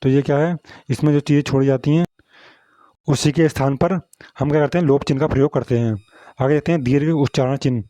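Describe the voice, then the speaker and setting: A man's voice: medium pitch, fairly even intonation, fast, warm tone, no echo. A man teaching a Hindi grammar lesson, explaining punctuation marks and often asking whether students understood. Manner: repetitive, asks "samjhe?" often.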